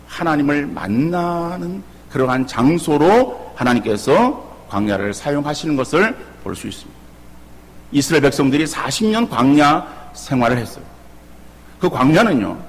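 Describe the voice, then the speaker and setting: Middle-aged male pastor, husky, animated sermon full of rhetorical questions, reverberant church hall. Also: medium pitch. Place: church sanctuary.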